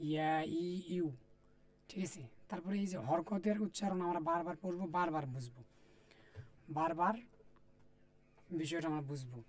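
A man with a fairly high, slightly mellow voice and a Bangladeshi Bengali accent patiently spells out Arabic letters and vowel marks for a Quran reading lesson. It's a letter-by-letter drill, repetitive, with him speaking directly to viewers.

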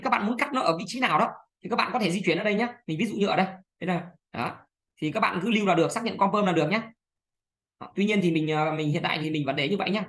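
A woman talks viewers through a screen-recorded software tutorial at a fast clip. Her delivery is chatty and full of small fillers and pointing words as she clicks around. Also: mid-range voice. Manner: chatty, fillers, many "đây này" pointers. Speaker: video editing tutor.

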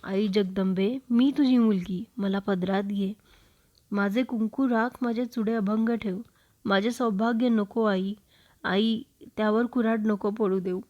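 A woman's voice: mid-range voice, fairly even intonation, a little slow, a little mellow, natural voice. A woman voicing a wife praying fervently. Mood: imploring. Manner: fervent, imploring. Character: devout young wife praying desperately to the goddess. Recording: dull lo-fi recording.

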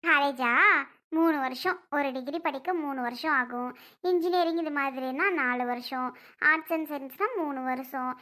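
A young woman in a family skit gently explaining things and comforting younger girls like a big sister. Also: sits high, moderate pace. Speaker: college student character, older sister figure.

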